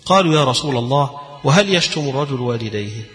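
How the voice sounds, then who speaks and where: A man's voice: medium pitch, expressive, fast, fairly bright tone, faint music behind. A man with an Egyptian accent giving a religious lesson. He moves between classical recitation and colloquial explanation and raises his voice when quoting. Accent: Egyptian Arabic. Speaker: Islamic scholar teaching hadith. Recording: long hall reverb.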